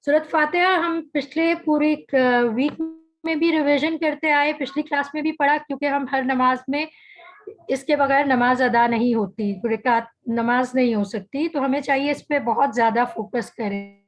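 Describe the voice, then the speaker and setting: A woman teaching an online tajweed class, saying each letter slowly and carefully, then patiently explaining how it is made. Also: sits high, fairly even intonation, faint music behind, low-quality recording. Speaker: Quran recitation teacher.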